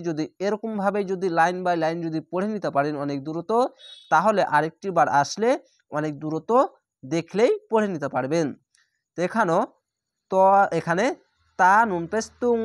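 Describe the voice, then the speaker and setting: A man's voice: a little high, dry recording, studio quality. A man teaching Quran reading, spelling out syllables one by one and stretching recited words very long. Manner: slow, drawn-out spelling of syllables.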